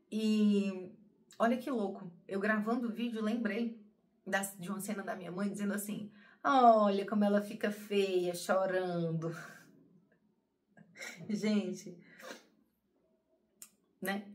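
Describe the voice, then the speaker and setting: Emotional, rambling woman talking to viewers. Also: medium pitch. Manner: rambling, emotional, repeats words, addresses viewers as "gente". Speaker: spiritual channel host. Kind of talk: personal confessional monologue.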